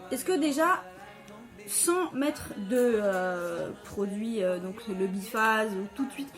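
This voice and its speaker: A woman's voice: medium pitch, lively intonation, slow, faint music behind. A woman chatting casually at home as she reviews hair products, with many fillers and restarts. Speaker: beauty vlogger.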